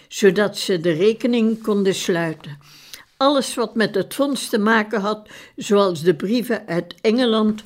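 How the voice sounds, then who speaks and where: A woman reading a biographical story aloud in a calm, measured way. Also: mid-range voice. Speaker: narrator. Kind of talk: scripted audiobook narration.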